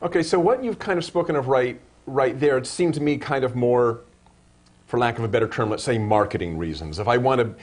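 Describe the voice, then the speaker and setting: A man's voice: medium pitch, fairly quick. A man hosting a live web broadcast interview, asking long, rambling questions full of restarts and self-corrections. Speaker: show host.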